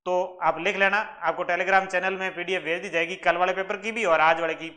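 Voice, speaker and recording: Guy teaching exam maths step by step, high voice, bright and sharp, answers his own questions. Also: steady tone, fairly quick. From Rajasthan, India. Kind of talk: exam-prep maths lesson.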